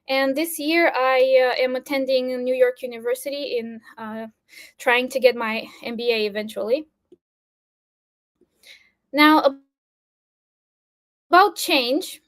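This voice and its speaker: A woman from Romania giving an earnest presentation over a video call, with fillers and restarts. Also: high voice. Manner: earnest, with fillers and restarts, briefly flustered by tech trouble. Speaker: speaker at an online talk. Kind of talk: presentation talk.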